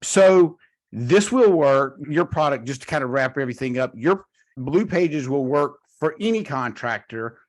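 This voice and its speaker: A man's voice: mid-range voice, animated, a little slow. A man with a mid-range voice hosts a casual podcast conversation. He speaks candidly and conversationally with his guest. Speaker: podcast host.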